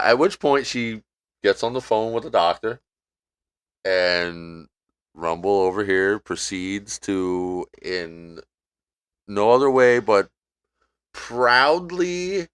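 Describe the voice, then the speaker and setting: A man with a somewhat low voice recounts what happened in a dry, matter-of-fact way. He drops in the odd curse word and keeps a wry edge. He sounds like one of two hosts chatting on a podcast. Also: fairly bright tone, clean tone. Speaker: podcast co-host. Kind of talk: casual storytelling chat.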